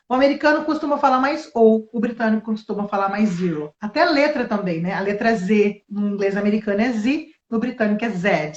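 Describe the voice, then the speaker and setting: High-voiced woman teacher, echoey. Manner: lively, explains with spoken examples. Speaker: English teacher. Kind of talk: relaxed interview chat. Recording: echoey, dull lo-fi sound.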